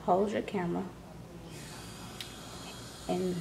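A woman in her thirties or forties gives a casual vlog-style product demonstration from her living room at home, keeping her voice hushed. Her voice is low-ish, creaky and fairly even in intonation, at a slow pace, in a noisy home camera recording.

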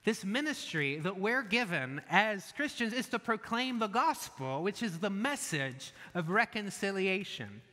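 A man preaching a church sermon in an earnest way, then leading a quiet prayer. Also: high-pitched, very animated, unhurried, hardly any pauses, in a large hall. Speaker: pastor. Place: church sanctuary.

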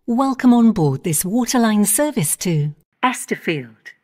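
A woman with a medium-pitched, darkish, expressive voice delivers automated onboard train announcements. She names each station in turn in measured, clipped phrases.

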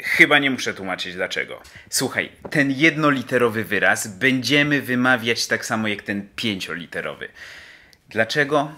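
A man's voice: mid-range voice, animated, moderate pace, sharp tone. A young man who teaches English, ranting in a sarcastic, mock-outraged way, recorded outdoors in an empty spot. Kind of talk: comic rant to camera.

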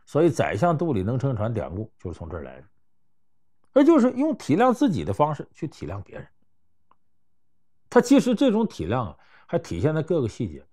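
A middle-aged man, telling historical stories and acting out the characters' lines in a lively way. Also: medium pitch, a little fast. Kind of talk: storytelling talk.

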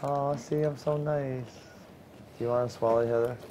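A man's voice: medium pitch, steady tone, moderate pace. A man in his twenties in tipsy, slangy, profane casual banter. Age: 20s. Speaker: reality show housemate. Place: indoor bedroom, lounging in bed. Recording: noisy room, clicking microphone.

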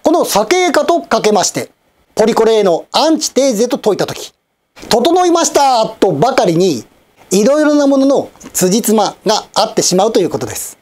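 Animated, formal middle-aged male commentator. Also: high-pitched. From Japan, Osaka and Kochi. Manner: formal, polite and measured, with wry asides. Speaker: channel host and commentator. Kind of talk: scripted news-style commentary.

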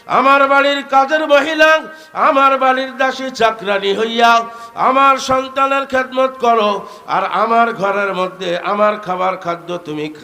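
A man's voice: high-pitched, vocal fry, bright, forceful tone, big-room sound, voice pushed up, heavily acted. A preacher acting out a boastful tyrant king. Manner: scolding, boastful. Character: arrogant tyrant king, threatening a woman servant.

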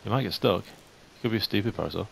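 A young man giving casual game commentary, chatting to the animals in the game and getting jumpy and excitable. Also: fairly low pitch, fast talker, creaky. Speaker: gaming YouTuber. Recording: faint hiss.

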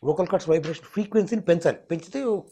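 Husky-voiced man explaining. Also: sits high, very fast, mellow. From Telangana, India. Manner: explanatory, slips into demonstration voices. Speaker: mimicry artist and ventriloquist, interview guest. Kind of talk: interview, explaining with demonstrations.

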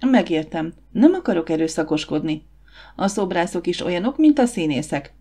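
A woman voicing a confident, warm young woman who runs a catering business, in an audiobook. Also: fairly low pitch, sing-song. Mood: warm brisk. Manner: brisk, encouraging.

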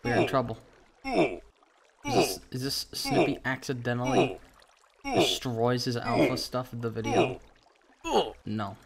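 A man hosting a casual game commentary who swears a lot and swings from panic back to calm. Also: mid-range voice, measured pace, gravelly, long pauses, breathy edge. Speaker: gaming channel host. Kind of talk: casual let's-play commentary.

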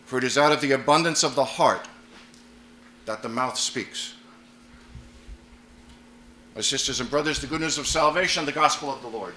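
A man serving as priest, reading the gospel at Mass in a measured, solemn way, with a cathedral echo around his voice. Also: medium pitch, noisy background. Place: large church. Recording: echoey church, voice from afar.

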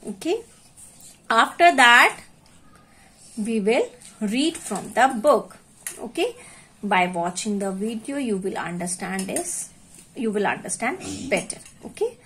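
A woman teaches young children, often asking if they are ready. She speaks slowly in a slightly high voice. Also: big pitch swings, fairly bright tone, a little hiss or hum. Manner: repeats and checks on pupils, switches into Hindi phrases. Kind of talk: online class lesson.

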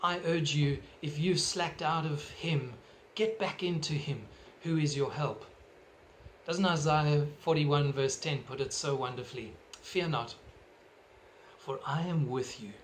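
A middle-aged pastor from South Africa preaches an earnest sermon from home, his male voice sitting slightly high and his phrasing measured and emphatic. The audio is poor, taken from a webcam at desk distance, with a faint room hum underneath.

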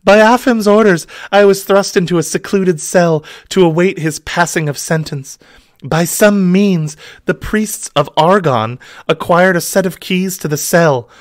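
A man's voice: high-pitched, unhurried, no echo, clean studio sound, voice pushed up. A man putting on a sultry noblewoman. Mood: mock sultry.

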